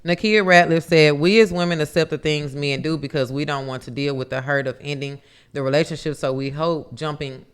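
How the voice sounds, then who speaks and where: A man with a smooth, resonant voice sitting slightly high in his range. He co-hosts a laid-back podcast and reads viewer comments out in a steady, matter-of-fact way. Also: fairly quick. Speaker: podcast co-host. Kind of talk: casual chat, reading viewer comments aloud.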